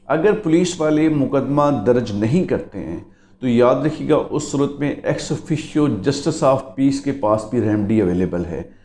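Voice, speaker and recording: A man's voice: medium pitch, a little mellow, reverberant. A male lawyer gives a lecture on the law, explaining it step by step and often telling listeners to remember each point. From Pakistan. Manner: explanatory, keeps repeating "remember". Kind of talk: legal lecture.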